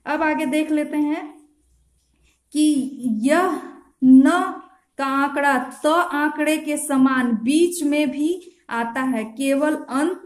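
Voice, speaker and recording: A woman teaching shorthand step by step, slowly spelling out each stroke and repeating her examples. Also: high-pitched, steady tone, echoey room. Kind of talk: slow step-by-step tutorial.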